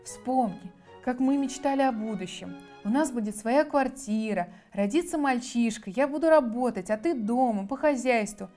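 A woman voicing a young soldier who talks softly and tenderly. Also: on the high side, normal speed, faint music behind, lightly acted.

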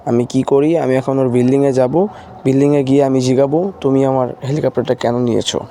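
Franklin, a stubborn and vengeful grown man, voiced by a man, grumbling low and mellow in a game roleplay. He addresses his viewers as friends. A faint noise runs underneath. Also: little pitch movement, quick pace, natural voice. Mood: determined.

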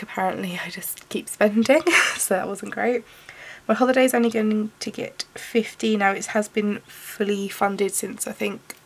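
A British woman chatting casually as a budgeting vlog host in her bedroom, sounding rough with illness and slightly wheezy. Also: medium pitch.

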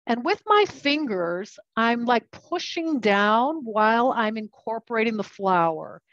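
A woman's voice: on the high side, lively intonation, slow pace, fairly bright tone, no room sound, dull audio. A woman teaching a cooking class, chatting and explaining each step while she works with her hands. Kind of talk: live cooking demonstration.

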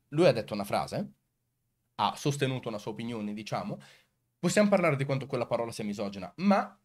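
Male commentary host, medium-pitched voice, emphatic delivery full of rhetorical questions to the audience. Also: a little mellow. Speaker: video host. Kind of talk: commentary answering comments on recorded clips.

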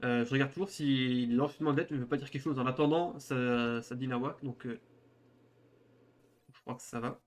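A man's voice: mid-range voice, steady tone, moderate pace. A young man streaming a horror game, reacting in informal, slangy, joking commentary. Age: young adult.

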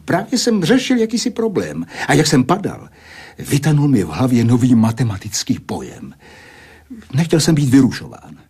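A man performs an older physicist in a radio drama, begging one moment and philosophizing the next. The voice is husky and slightly breathy, with a wide, lively pitch that sometimes drops to a whisper. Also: full character voice. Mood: reminiscing. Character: older male physicist, pleading, lecturing. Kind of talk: Czech radio play acting.

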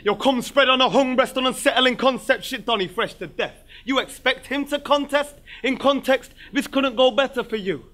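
A man delivers a battle rap verse in a high, piercing register. His tone is bright and edgy, and his rhymed insults come out brash and rapid-fire. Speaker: battle rapper. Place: live battle venue.

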